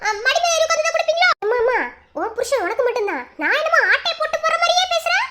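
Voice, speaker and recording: A woman voicing a playful young sister-in-law who teases and bickers quickly with a giggle, in an amateur cartoon story. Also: very high voice, very animated, heavy background noise. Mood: teasing, cheeky.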